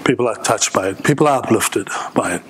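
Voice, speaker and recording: A man's voice: fairly low pitch, expressive, fast, very noisy. A middle-aged man preaching a sermon in a large church hall, earnest, repeating key phrases and restarting his sentences. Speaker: pastor.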